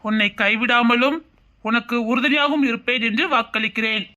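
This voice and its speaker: Pastor officiating a wedding, played by a woman. Bright, forceful and slow. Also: on the high side, dull audio. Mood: solemn. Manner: slow, formal officiating cadence. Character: male church pastor performing a wedding. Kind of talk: Tamil web-series drama acting.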